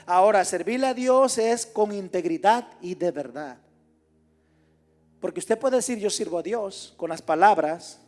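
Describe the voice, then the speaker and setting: A male preacher with a high voice delivers a sermon in a church. He fires off rhetorical questions and moves between loud, stressed phrases and quiet, low asides. Faint music plays underneath.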